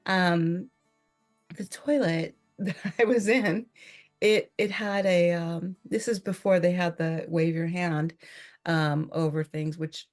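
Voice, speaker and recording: A woman's voice: lowish voice, darkish tone. An American woman from California telling a story in a chatty way, laughing often and acting out her own reactions. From California, United States. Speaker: vlogger. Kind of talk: casual storytelling.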